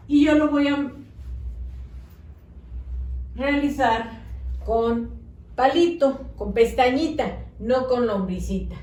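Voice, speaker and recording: A woman teaching children a phonics lesson, sounding out syllables slowly and clearly. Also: fairly high pitch, darkish tone, recorded from a distance. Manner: slow, exaggerated sounding-out of syllables. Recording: echoey room, voice off-mic.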